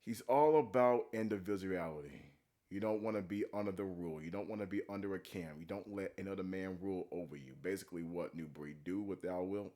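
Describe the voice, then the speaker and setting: A man's voice: sits low, a little fast, mellow. A man giving casual, blunt, profane reaction commentary as he preaches about scripture. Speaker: commentary video host.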